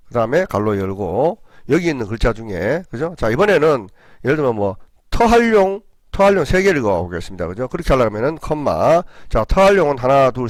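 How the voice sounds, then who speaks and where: Lively-voiced male spreadsheet tutor. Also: medium pitch, no echo. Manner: patient, repeats "그죠?" for frequent check-ins; talks through each step, with small self-corrections. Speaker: computer skills instructor.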